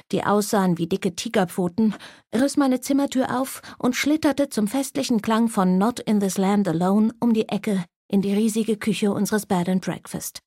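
A woman narrating a first-person audiobook in a lively storytelling voice. Her pitch sits fairly high. The studio recording is close and completely dry. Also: no room sound.

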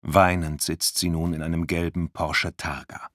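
A man narrating a thriller audiobook in a tense, measured studio reading. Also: sits low, level tone, fairly bright tone, dry recording. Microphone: close studio mic.

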